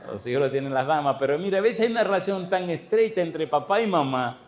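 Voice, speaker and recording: Animated pastor preaching. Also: male voice, on the high side, fast, slight background noise. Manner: lively storyteller, swings between loud exclamations and hushed tender asides. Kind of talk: storytelling sermon. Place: church before a congregation.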